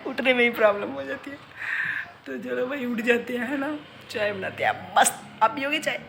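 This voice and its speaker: A woman's voice: on the high side, normal speed, creaky, fairly bright tone, a little hiss or hum, rough recording. A middle-aged woman chatting playfully to her viewers in a casual home vlog. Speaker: vlogger.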